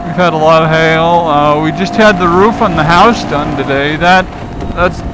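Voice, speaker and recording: A motovlogger with a fairly high voice chats in a laid-back, unhurried way while riding his scooter through city traffic, dropping lots of "uh" and "you know." His helmet-mounted mic clearly picks up road, wind and engine noise beneath his voice.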